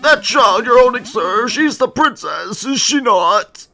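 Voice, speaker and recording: A man's voice: extremely high pitch, expressive, a little slow, creaky, sharp tone, exaggerated voice. A man voicing a fretful elderly royal steward with fussy, old-fashioned phrasing, over game music. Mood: worried. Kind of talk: let's play voice acting.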